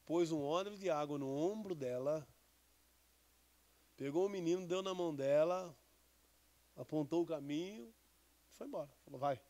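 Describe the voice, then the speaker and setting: A man's voice: fairly high pitch, unhurried, long pauses, warm tone. A man, a bishop giving a conversational sermon with Bible readings and questions to the congregation. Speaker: bishop preaching.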